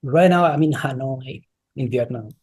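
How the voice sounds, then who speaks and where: Soft and warm, with medium pitch and a slightly rough texture, the voice belongs to a Brazilian software entrepreneur whose first language is Brazilian Portuguese. In his casual interview answers he hesitates, thinks aloud, and frequently restarts while reaching for words.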